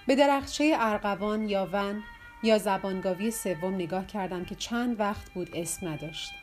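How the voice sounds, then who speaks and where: Calm woman reading an audiobook. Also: medium pitch, soft background music. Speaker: audiobook narrator. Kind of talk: scripted narration.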